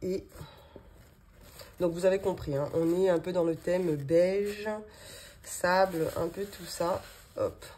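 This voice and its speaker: A woman's voice: fairly low pitch, fairly even intonation, slow, long pauses, dark tone. A woman in her thirties, chatting casually at her desk as she unboxes and shows her budgeting binders, with many fillers and small laughs. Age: 30s. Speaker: budgeting vlogger. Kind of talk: casual show-and-tell vlog. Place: home office desk, indoors.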